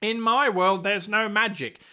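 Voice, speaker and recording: Sitting high with fairly even intonation, this man's voice is pushed, bright and clean, and he speaks a little slowly. He teaches tabletop role-playing, offering game master tips with theatrical exaggeration and performing mock dialogue.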